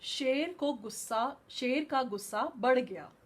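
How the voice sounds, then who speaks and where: A woman's voice: high voice, takes it slowly. A woman school teacher in an online class, reading a story aloud and patiently explaining words, mixing in English terms. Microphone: video call.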